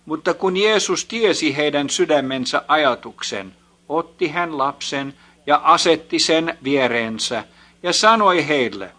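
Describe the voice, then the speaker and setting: Bright-voiced male scripture reader. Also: a little high, animated.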